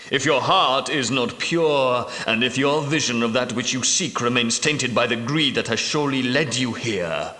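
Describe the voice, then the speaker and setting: An actor voices the solemn, pious leader of ancient Grail knights in scripted video game dialogue, issuing a stern warning in archaic formal speech. His medium-pitched male voice is pushed and bright, grave, portentous, measured and preaching. It echoes through a hall with long reverb.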